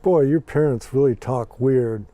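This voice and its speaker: Answering an interviewer's questions plainly and dryly, this guest is a man in his sixties with an American accent who was born in Scotland and grew up in Ireland and Los Angeles. He speaks at a measured pace in a mid-range, dark-toned voice, with a little hiss or hum in the audio.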